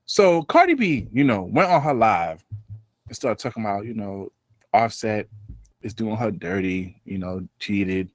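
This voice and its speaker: Animated man, podcast co-host. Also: on the low side, a little slow, no room sound. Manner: animated, swings between loud outbursts and mumbles. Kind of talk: casual podcast chat.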